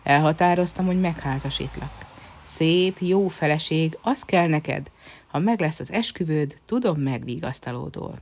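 A caring empress mother from a fairy tale, put on by a storyteller. She speaks tenderly but firmly, having already decided what is best for her son. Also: low-pitched.

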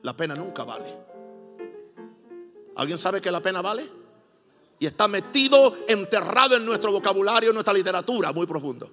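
A fairly high-voiced man with a Puerto Rican accent preaching a sermon, swinging into loud emphatic bursts and light joking asides. His voice rings with a long hall reverb in a church, and soft music plays faintly underneath. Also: animated, brisk, long pauses. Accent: Puerto Rican Spanish. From Puerto Rico.

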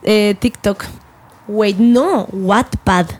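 A young woman with a Chilean accent, co-hosting a podcast in a casual, giggly and playful chat with quick asides. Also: mid-range voice. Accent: Chilean Spanish. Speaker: podcast co-host.

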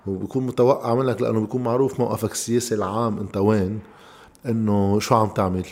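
A man's voice: lowish voice, fairly even intonation, very fast, a little mellow. A man with a Lebanese Levantine Arabic accent, interviewing a guest casually as a podcast host.

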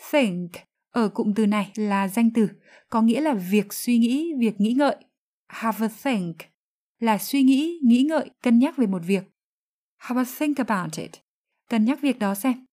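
A woman whose first language is Vietnamese, explaining English phrases in a lesson with calm, careful pronunciation. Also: on the high side, unhurried. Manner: calm, clear, careful enunciation of English examples. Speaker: English teacher.

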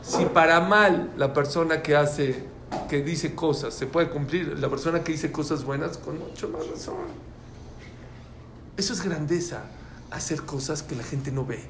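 With a slightly high voice and a measured pace, a man leads students through a religious lesson, stressing his points, repeating important phrases and quizzing the class. Faint noise and echo fill the room.

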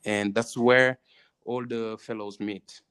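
Senegalese guy w senegalese accent being interviewed, lowish voice, pretty flat, repeats himself a bit. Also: slow pace, clear, resonant tone. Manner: hesitant, repeats phrases. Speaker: interviewee, tourism venture co-founder. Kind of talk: conversational interview answers.

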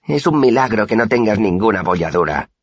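A man voicing a crude, greedy street boy who jeers and taunts loudly. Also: sits high, big pitch swings, a little fast, husky, dry recording, dull audio, pitched above the performer's own voice, heavily acted. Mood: jeering. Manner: loud, crude, jeering.

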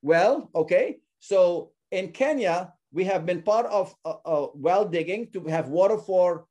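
Male guest from Suriname, earnest and halting, fairly high, warm tone. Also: animated. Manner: earnest, often repeats words while searching for them. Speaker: ministry founder, guest. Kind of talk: casual interview talk.

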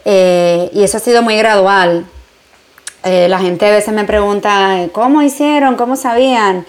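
Here a journalist and entrepreneur from Puerto Rico, a guest on the show, answers interview questions in an unhurried, mid-range voice. Her Puerto Rican Spanish accent is clear, and her manner is conversational and reflective. She slips English phrases into her speech and leans on fillers often.

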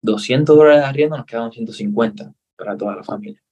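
A young man with a Cuban Spanish accent tells his own story as a guest in a relaxed interview. His voice sits at an ordinary middle pitch, and he talks earnestly. He slips into the voices of the people in his story to act out their lines. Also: fast talker, husky, highs cut off. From Cuba. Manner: earnest, animated storyteller, acts out dialogue.

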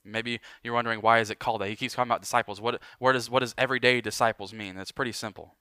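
A man preaching a sermon as pastor, emphatic and building, then dropping to quiet lines for weight. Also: mid-range voice, steady tone, rapid-fire, clean tone, no room sound, clean studio sound.

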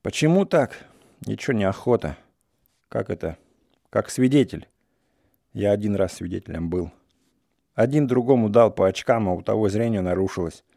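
A restless young village man, bitter and mocking, his talk rising into heated outbursts, as a male reader puts him on. The voice is low and mellow. It is recorded dry and close. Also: lively intonation, moderate pace, vocal fry, pauses often, dry recording.

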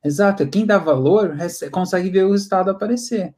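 A man's voice: sits high, a little fast, a little mellow. A man, co-hosting a live stream in a chatty way and often checking "entendeu?". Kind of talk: casual live chat.

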